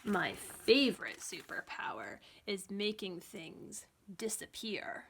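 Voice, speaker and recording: A female children's librarian reads a picture book aloud to young listeners in an expressive, deliberate storytime style. Her medium-pitched voice is gravelly and comes out in a whisper.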